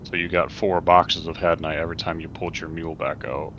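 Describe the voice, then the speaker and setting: Brief: male gamer, very low and bright-edged voice, matter-of-fact explainer, faint rumble behind. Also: little pitch movement, brisk, muffled recording. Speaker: gaming friend. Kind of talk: casual gaming chat.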